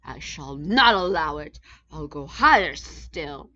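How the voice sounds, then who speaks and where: A woman voicing a boastful, bossy turtle king in a storybook reading, loud and blustering. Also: sits low, lively intonation, slow, highs cut off, exaggerated voice. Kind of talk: storybook read-aloud.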